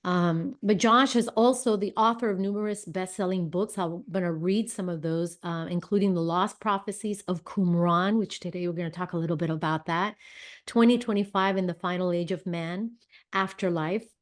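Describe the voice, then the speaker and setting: A woman's voice: lowish voice, fairly even intonation, moderate pace. A woman hosting a talk show, introducing her guest in a chatty, effusive way with plenty of fillers and restarts. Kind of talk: casual interview introduction.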